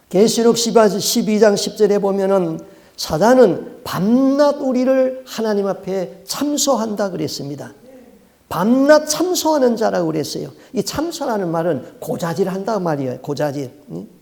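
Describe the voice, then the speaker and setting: A man preaches a sermon as pastor of his church. His voice sits high but sounds mellow and soft-edged. He tells stories, puts questions to the listeners and hammers on key words. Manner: storytelling preacher asking rhetorical questions; emphatic, repeats key words.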